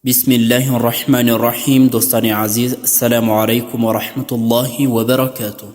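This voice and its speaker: A man's voice: medium pitch, flat delivery, darkish tone, long reverb tail. Man chanting syllable drills. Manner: explains patiently, then chants syllable drills. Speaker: Quran reading teacher. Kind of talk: recorded tutorial lesson.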